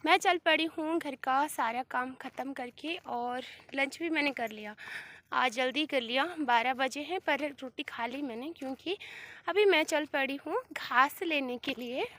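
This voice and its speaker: A woman's voice: high voice, a little slow, a bit bright. A woman with a sore throat, chatting to viewers in a casual walk-along vlog on a hillside. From Himachal Pradesh, India. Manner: chatty, talks straight to viewers. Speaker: village life vlogger. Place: outdoors on a steep grassy hillside.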